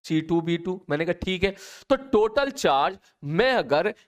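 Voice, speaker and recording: A man's voice: high-pitched, lively intonation, measured pace. A man teaching physics, working through capacitor problems step by step and voicing the students' answers himself. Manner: talks to students directly, mimics their replies. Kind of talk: explaining capacitor problems on a board.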